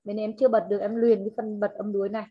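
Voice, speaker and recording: A woman English teacher in an online class, slowly modelling words, repeating them and correcting her students' pronunciation. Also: medium pitch, level tone, husky, highs cut off. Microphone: video call.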